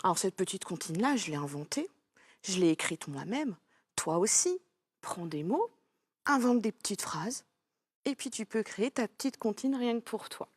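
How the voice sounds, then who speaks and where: A woman's voice: medium pitch, big pitch swings, moderate pace, husky, no echo. A woman teaching a lesson to young children, speaking patiently and encouraging the child directly. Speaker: primary school teacher.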